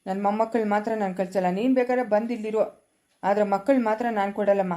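A woman's voice: medium pitch, steady tone, fast talker, mellow, close to an everyday voice. A woman playing a firm, protective village grandmother in a family skit, with a rural Chikkaballapura Kannada accent and a questioning manner.

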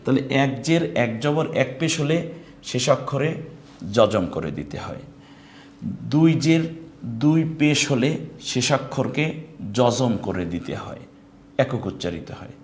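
A man's voice: mid-range voice, very animated. Bangladeshi male Quran tutor on a live lesson, patient and explanatory, in an echoey room with a faint hiss behind him. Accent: Bangladeshi Bengali. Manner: explains slowly, then draws out sung example words. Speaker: Quran recitation teacher.

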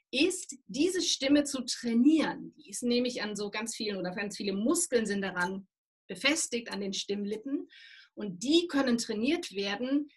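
A woman working as a voice and presentation trainer, explaining calmly and instructively in an interview. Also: a little high, breathy edge. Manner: calm, instructive, demonstrates breathing.

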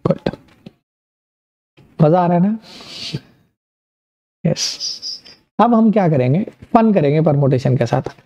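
A man's voice: a little high, lively intonation, slow, long pauses, warm tone, muffled recording. A man with an Indian accent teaching an online maths lesson, upbeat and encouraging, asking questions and answering them himself.

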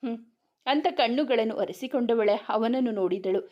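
A woman storyteller reading a romance story in a flowing, even narration. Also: on the high side, normal speed, highs cut off.

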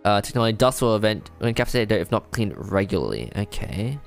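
A man giving casual let's-play commentary, thinking aloud, excitable and self-deprecating as he works things out. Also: lowish voice, quick pace, gravelly. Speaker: gamer playing a strategy game. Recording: faint game music behind.

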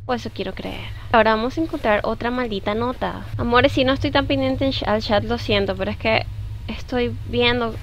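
A woman's voice: fairly high pitch, a little fast, a little hiss or hum. A young woman streaming a horror game live. She chats to her viewers and shrieks when the game startles her. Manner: jumpy, screams at scares then talks softly to chat. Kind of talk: live gaming stream chat.

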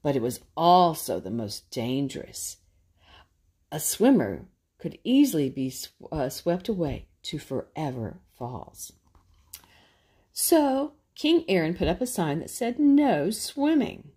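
A woman teaching preschoolers, leading a prayer and reading a storybook aloud in a gentle, encouraging way. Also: low-pitched, big pitch swings, slow pace. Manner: gentle and encouraging, speaking to small children. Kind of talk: children's lesson and storybook reading.

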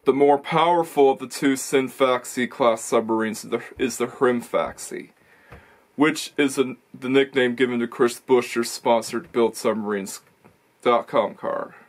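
A young man reviews racing videos, talking casually to camera in a steady, mid-range voice at a slightly slow pace. He rambles and corrects himself as he explains, in vlog-style commentary. He sits in a small indoor room full of toy shelves, recorded by a camera or webcam in front of him.

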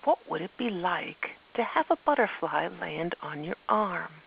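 Brief: a woman doing a kindly older woman, slow, soft and coaxing, with a gravelly texture on a dull recording. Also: mid-range voice, big pitch swings, heavily acted. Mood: soothing. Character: gentle, wise older woman guiding a child. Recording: muffled with faint hiss.

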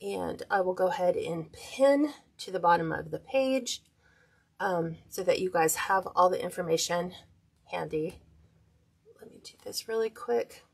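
A woman's voice: fairly low pitch, unhurried, vocal fry, breathy edge. A woman hosting a live-streamed wreath-making tutorial, chatting casually and greeting viewers by name as she works. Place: indoor craft table, overhead camera.

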